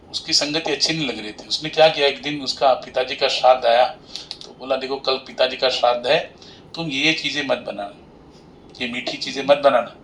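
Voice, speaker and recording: A man giving a devotional sermon, telling a comic parable and acting out both husband and wife, swinging between loud cries and soft asides. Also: mid-range voice. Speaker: katha narrator. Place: Navi Mumbai.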